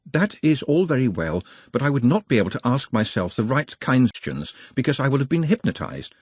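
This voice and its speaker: A man's voice: medium pitch, big pitch swings, fairly quick, darkish tone, breathy edge, no room sound, voice pushed up. A man voicing a polite, anxious young male goblin who speaks formally and stutters slightly. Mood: earnest, worried.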